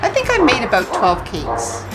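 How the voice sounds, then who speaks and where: A woman's voice: medium pitch, huge pitch swings, moderate pace, over a noisy crowd, low-quality recording. A woman from Newfoundland, Canada, chatting as a volunteer guest in an interview, talking freely with lots of uh fillers. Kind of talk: casual interview chat. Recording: loud background music bed.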